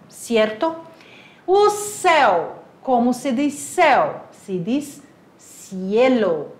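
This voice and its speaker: A lively woman with a Brazilian Portuguese accent teaches a class with fairly high-pitched enthusiasm. She speaks slowly, drawing out each word for the students to repeat. An echoey room lingers around her voice. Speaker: Spanish teacher. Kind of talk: recorded school lesson.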